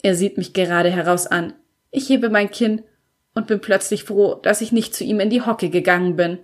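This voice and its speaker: A woman's voice: mid-range voice, fairly even intonation, moderate pace. Woman narrating a first-person audiobook.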